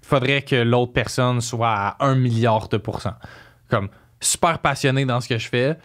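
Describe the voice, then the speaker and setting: A man's voice: mid-range voice, moderate pace, fairly bright tone. A young adult man with a Quebec French accent, chatting casually in slangy speech sprinkled with English phrases. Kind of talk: casual chat.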